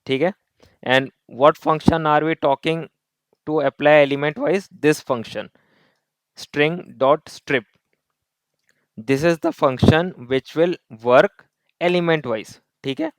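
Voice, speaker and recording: A man's voice: mid-range voice, clear, resonant tone, no echo. A man teaching a coding lesson. He explains each step, repeats key points and drops in Hindi tag words. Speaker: coding tutor. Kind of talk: screen-recorded coding lesson.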